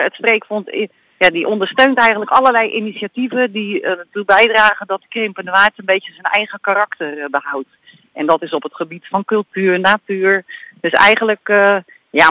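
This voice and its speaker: A woman calls in to a radio interview while she walks outdoors. Her voice is bright and forward, dry and close to the mic. She chats eagerly, with plenty of hesitations. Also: mid-range voice, brisk, dry recording, low-quality recording. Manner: chatty and enthusiastic, frequent hesitations. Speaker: guest from a regional fund. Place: outdoors, on a walk.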